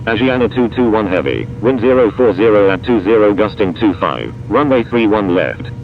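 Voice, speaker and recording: Low-voiced male air traffic controller, noisy radio. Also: animated, moderate pace. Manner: procedural, reciting instructions in set phrases. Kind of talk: aviation radio phraseology. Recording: muffled radio with loud rumbling noise.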